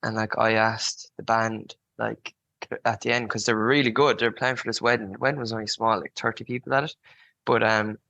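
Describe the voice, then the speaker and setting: A young man in his early twenties with a creaky edge and a fairly flat melody. He chats casually in colloquial phrasing, with a bright, forward tone. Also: lowish voice, brisk, no echo, highs cut off. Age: early 20s. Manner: colloquial, frequent "like" and "you know". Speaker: podcast guest, student on work placement. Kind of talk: casual chat.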